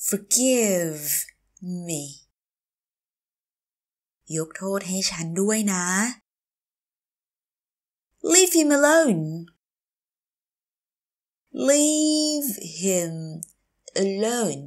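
A woman teacher drilling English phrases slowly, saying each word on its own with careful pronunciation and then explaining them. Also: high voice, sing-song. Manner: slow, careful, exaggerated pronunciation. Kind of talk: slow language drill, repeating phrases word by word.

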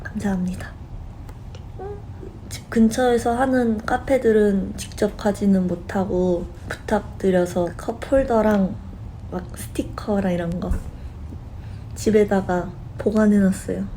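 A young woman chatting casually with fans on a live stream, talkative and quick to giggle. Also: medium pitch, fairly even intonation, dark tone, a little hiss or hum, poor audio. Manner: chatty and giggly, laughing often.

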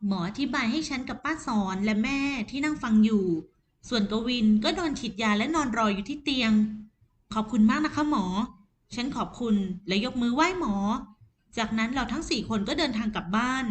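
A woman reading a romance novel aloud in the first person. Her voice sits fairly high, and her storytelling stays even. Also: a little fast, slight background noise. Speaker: audio novel narrator.

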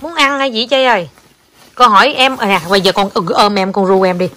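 A young woman, a mother playing at home with her small child, coaxing and chatting quickly and now and then singing soft lullaby lines. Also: medium pitch. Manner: fast, coaxing talk with soft sung lullaby bits. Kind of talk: casual home chat with a child.

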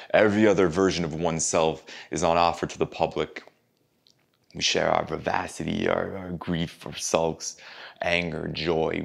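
A brooding, heartbroken man muses on love in a stage monologue, played by an actor. His voice sits extremely low and gravelly, with a flat, restrained delivery. He talks slowly and pauses often, sometimes sinking to a near whisper. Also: exaggerated voice. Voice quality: very deep gravelly voice. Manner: slow, pausing, drops to near whispers.

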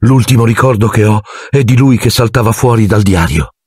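A woman's voice: rumbling low, fairly quick, a little mellow, husky, no room sound, studio quality, voice pushed up. A man voicing a frightened young girl who stammers through sobs, in a storybook reading. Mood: tearful. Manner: stammering, sobbing.

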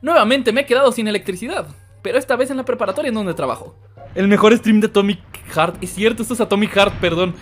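Excitable Mexican streamer, high voice. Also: male voice, quick pace, faint music behind. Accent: Mexican Spanish. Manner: animated, loud outbursts and mock voices. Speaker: gaming streamer. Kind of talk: comedic storytelling and gameplay commentary.

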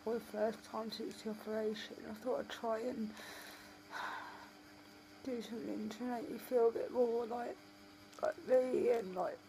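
Tired, creaky woman with a sore jaw. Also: on the high side, little pitch movement, a little slow, pauses often, dark tone, slight background noise, low-quality recording. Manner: talking with a sore, tight jaw. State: tired, sore swollen jaw after surgery. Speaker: vlogger. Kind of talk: casual late-night video diary.

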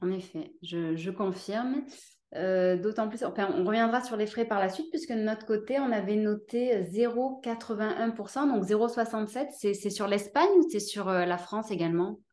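A woman's voice: mid-range voice, moderate pace, a little mellow, reverberant. A woman in her thirties hosting an interview over a video call, talking in a chatty way with many fillers. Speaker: host, interviewer. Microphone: webcam on a video call.

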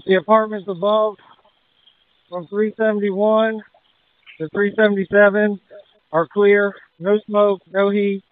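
A man's voice: sits high, level tone, unhurried, pauses often. A male firefighter giving terse status reports over a two-way radio. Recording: noisy tinny radio with clicks.

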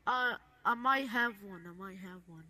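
A woman's voice: medium pitch, normal speed, crowd noise. A woman role-playing a mother in a game, fussing over her child, repeating herself and stumbling over her words. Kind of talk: casual game role-play.

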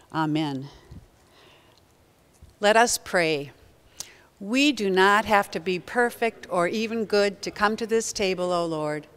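A middle-aged woman pastor reading a communion liturgy and prayer in a slow, solemn, prayerful way in a church sanctuary, picked up by a far camera. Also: lowish voice, clean tone.

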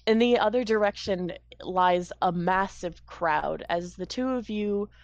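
A woman serving as game master, narrating scenes in a relaxed, casual way. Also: medium pitch, measured pace, no room sound.

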